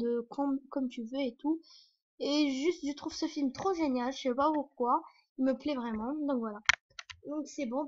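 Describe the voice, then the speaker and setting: A young woman vlogging in a rambling, hesitant way, full of fillers and restarts. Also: sits high. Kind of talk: casual rambling vlog. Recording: dull lo-fi recording.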